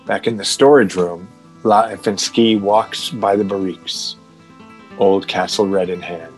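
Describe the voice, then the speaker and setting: A man's voice: sits low, unhurried, soft background music, rough recording. A man narrating an audio drama in a dramatic, scripted style.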